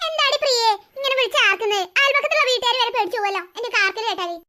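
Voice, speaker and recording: A woman's voice: extremely high pitch, very fast. A woman voicing a fussy cartoon mother of three who scolds and coaxes her children. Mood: exasperated. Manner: scolding, nagging, coaxing. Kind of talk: cartoon voice acting.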